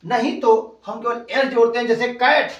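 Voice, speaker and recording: A man teaching an English grammar lesson, explaining slowly and spelling words out letter by letter. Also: extremely high pitch, level tone, a bit bright, lo-fi sound. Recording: echoey room, voice from a distance.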